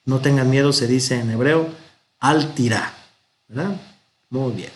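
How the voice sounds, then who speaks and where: A man with a Mexican Spanish accent teaching a Hebrew grammar lesson, patient and methodical, sounding out example words slowly. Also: medium pitch. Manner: patient, explains step by step, pronounces examples slowly.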